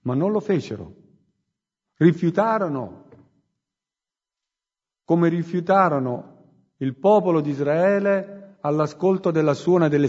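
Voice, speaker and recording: A man preaching a sermon in a church hall, slow and emphatic, swinging between loud and hushed phrases. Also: fairly high pitch, slightly rough. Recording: muffled recording with long hall reverb.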